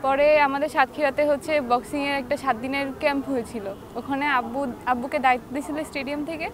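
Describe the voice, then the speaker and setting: A young woman, a boxer guest telling lively stories in a casual interview. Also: high-pitched, fast talker, background noise. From Bangladesh. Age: young adult.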